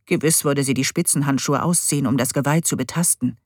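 A woman reading a storybook aloud with an expressive, lively delivery. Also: a bass voice, a little fast, no room sound, clean studio sound.

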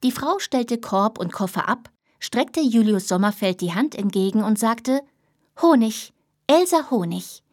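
A woman reading a children's book aloud in a lively, expressive storytelling manner. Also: mid-range voice, moderate pace, no echo, studio quality. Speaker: narrator.

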